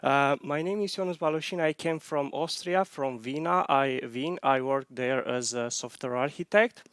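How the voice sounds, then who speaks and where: A man's voice: mid-range voice, a bit bright, clean tone, dry recording, clean studio sound. A man in his thirties giving a technical conference talk on stage, speaking with frequent restarts. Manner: halting, frequent restarts, non-native phrasing. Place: large conference hall stage. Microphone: headset.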